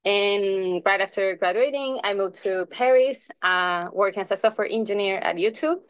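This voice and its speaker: A woman's voice: mid-range voice, normal speed, clear, resonant tone, no room sound, lo-fi sound. A young woman from Chile who is a PhD researcher, giving a research presentation in a casual style with many fillers. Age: young adult.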